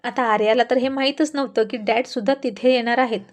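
A woman's voice: fairly high pitch, steady tone, fast. Woman narrating a family story.

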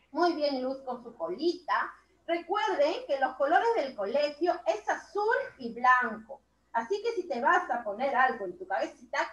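Woman teacher, high voice, slow and drawn-out, heaps praise on small kids, roomy lo-fi call audio. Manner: slow, drawn-out words, warmly praising children. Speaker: primary school teacher. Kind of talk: online class instruction.

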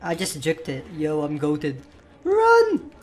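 A woman voicing Bluey, an excitable young girl puppy, narrating a game with shrieks and silly boasting. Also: low-pitched, slow, full character voice. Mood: excitable scared. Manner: jumpy, shrieks when scared, silly boasting. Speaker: gamer narrating play. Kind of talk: voiced Roblox let's-play. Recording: game music underneath.

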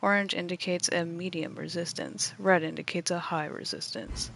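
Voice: mid-range voice, fairly even intonation, normal speed, gravelly, a bit bright, a little hiss or hum. A streamer giving casual live gameplay commentary, laid-back and reading the tutorial text aloud.

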